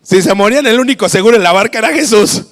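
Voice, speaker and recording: A man with a Mexican Spanish accent preaches a lively, storytelling sermon and acts out voices as he goes. His voice sits fairly high. A long reverb trails behind it in a church hall. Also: quick pace. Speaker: pastor.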